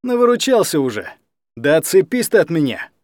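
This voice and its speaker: A blunt young tough, as a male narrator plays him, curt and scornful. The delivery is animated and somewhat high, and the sound is dry and close. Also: normal speed, dry recording, lightly acted.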